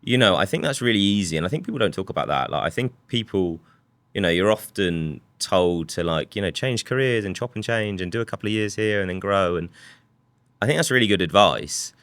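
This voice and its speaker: A man with a very low voice that still sounds bright and forceful. He speaks smoothly and clearly, recalling his path in a relaxed interview with plenty of restarts. The sound is dry and close. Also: brisk, no echo. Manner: reflective storytelling with many restarts. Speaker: guest, software company co-founder. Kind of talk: casual conversational interview.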